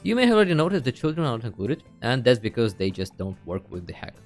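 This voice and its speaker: With faint music in the background, a gaming tutorial host narrates his screen casually, joking dryly and playfully through each step. His mid-range voice has a sing-song quality and moves at a quick pace.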